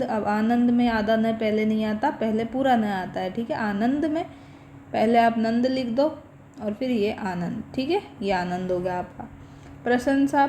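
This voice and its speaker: A woman's voice: on the high side, a little mellow, slight background noise. A woman teaching an exam revision lesson, explaining each point step by step and often checking in with her students. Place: online class recording.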